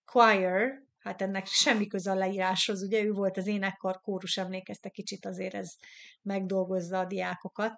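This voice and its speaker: A Hungarian woman teaching English in a live online lesson. She says English words slowly twice, then gives their meaning in Hungarian, and chats in an encouraging way with her viewers. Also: mid-range voice. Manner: chatty and encouraging toward viewers.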